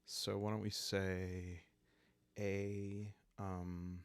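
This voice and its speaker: Thinking aloud in a slow, low, creaky voice, a solo roleplayer hosting his show makes up a journaling game's story on the spot for relaxation. He stays calm and soft-spoken, musing and halting as ideas come to him, with no echo on the recording.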